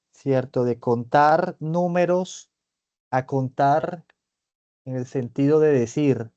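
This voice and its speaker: A man presenting a clinical case in a seminar, talking it through in a measured, reflective way and often checking in with his listeners. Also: on the high side, dark tone, no echo, highs cut off. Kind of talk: seminar lecture, thinking aloud. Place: online meeting.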